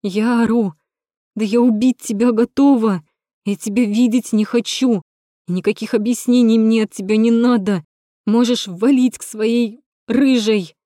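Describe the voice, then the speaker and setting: A woman voicing a hysterical young woman who shrieks and yells in a fit of jealousy in an audiobook. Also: fairly high pitch, fairly even intonation, measured pace, dry recording, studio quality, voice pushed up, lightly acted. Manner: shrieking, voice cracking from yelling.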